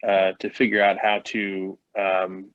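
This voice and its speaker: A man's voice: deep voice, monotone, a little slow, muffled recording. A man giving a hesitant update over a video call whose audio keeps breaking up. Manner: hesitant, repeats words and restarts. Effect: choppy video-call audio that breaks up. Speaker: meeting participant giving a project update.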